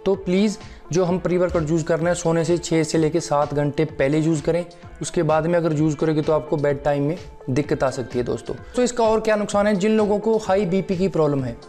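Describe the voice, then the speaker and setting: Fairly high in pitch with a dark tone, this young man speaks fairly quickly while faint music plays. Seated on the sofa at home in his living room with a lapel mic, the fitness vlogger gives a friendly supplement review, repeatedly calling to viewers as friends.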